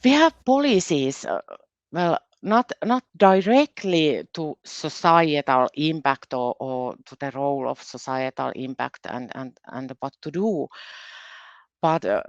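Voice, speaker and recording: A woman from Finland, a native Finnish speaker and university research specialist, delivers a halting, careful conference presentation, often saying words twice in her Finnish accent. Her low voice is expressive, with no room sound and the high frequencies missing.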